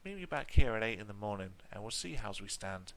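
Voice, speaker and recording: A grumbling old coach driver speaks in blunt, rustic phrases, voiced by a man. The voice sits low but sounds bright and forceful. It is read almost in the reader's own voice, with a faint hiss behind it. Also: sing-song, a little fast. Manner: plainspoken, rustic speech.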